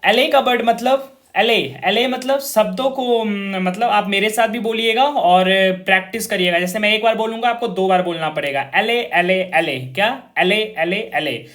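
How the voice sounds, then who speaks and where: A man's voice: sits high, moderate pace, a bit bright. A man teaching a vocabulary class, repeating words in call-and-response drills and talking to his students as children. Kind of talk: informal online classroom lesson.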